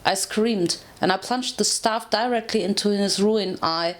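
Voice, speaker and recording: A woman reading a first-person fan story aloud, steady and narrative, with occasional self-corrections. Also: medium pitch, unhurried. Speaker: fanfiction reader.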